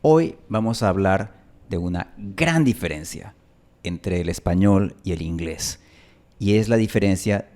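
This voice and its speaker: A man teaching pronunciation in an unhurried, measured lesson. His voice sits fairly low, and he takes his time with each phrase. He carefully sounds out example words again and again so they can be heard clearly. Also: darkish tone. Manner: deliberate, repeats example words slowly for demonstration. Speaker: Spanish pronunciation teacher and channel host. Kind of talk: phonetics lesson.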